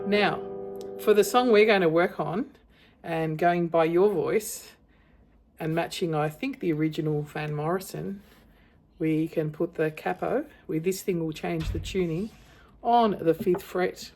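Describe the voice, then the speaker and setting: Unhurried and reassuring, a woman with a low voice and darkish tone walks a beginner through an informal guitar demonstration, offering encouragement as she goes. The recording is rough, with an acoustic guitar strummed alongside her speech.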